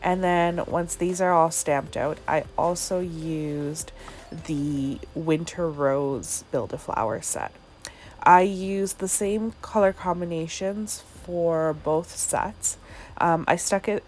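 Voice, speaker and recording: A woman hosting a card-making tutorial as a voiceover, sounding a little congested and talking in a relaxed, chatty way with fillers. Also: on the low side, slight background noise. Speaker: craft channel host.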